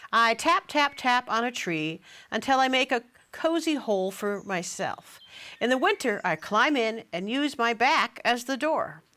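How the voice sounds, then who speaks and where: A woman's voice: fairly high pitch, sharp tone. A woman voicing a proud, chatty red-headed woodpecker in a children's storybook reading.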